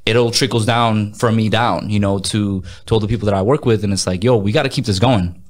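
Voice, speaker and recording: A man in his thirties from Mexico, a music artist talking as a guest in a casual interview, energetic, repeating words and slipping into Spanish phrases. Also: on the low side, brisk. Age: 30s.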